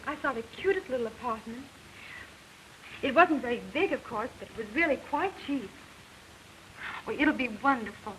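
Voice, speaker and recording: A woman's voice: sits high, a bit bright. An actress playing a cheerful, devoted young showgirl wife who reassures her husband, in an early talkie film. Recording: scratchy 1920s film soundtrack.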